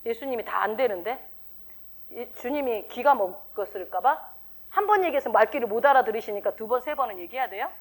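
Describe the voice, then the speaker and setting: A middle-aged woman pastor preaches a sermon in a talky, conversational way and keeps throwing questions back at her listeners. Her voice sits high, and its pitch rises and falls in lively swings. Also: brisk. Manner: conversational preaching with frequent rhetorical questions to the congregation.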